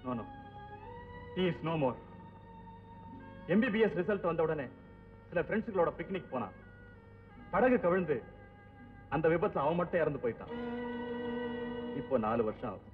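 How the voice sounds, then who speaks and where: This is a gentle, fatherly older eye doctor, as an actor plays him, who is still grieving and keeps slipping English phrases into what he says. His voice sits high and moves lively up and down. It comes from far off on a thin, tinny old film soundtrack with music behind. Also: normal speed, long pauses, natural voice. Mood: sorrowful. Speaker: eye surgeon.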